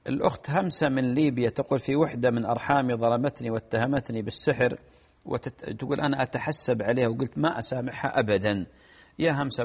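This man, whose voice has a somewhat dark tone, responds to religious questions from callers on a phone-in program. Pitched at an ordinary male level, he goes slowly and patiently, lengthening words in his examples the way a cleric handling daily concerns might.

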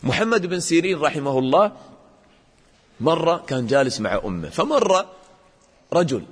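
A man teaching a religious lesson to children, questioning the class and acting out examples in an animated way. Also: on the high side, moderate pace, husky, big-room sound.

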